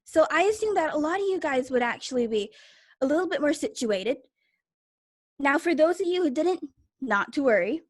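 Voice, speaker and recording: A woman's voice: high-pitched, lively intonation, normal speed. A young woman hosting a live online show, chatty and upbeat, talking straight to the audience over a video call. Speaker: host. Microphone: video call mic.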